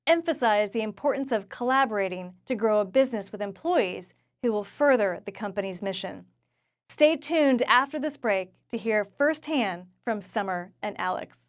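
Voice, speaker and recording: A woman hosting a podcast, reading a measured, scripted introduction of her guests. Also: on the high side. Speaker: podcast host.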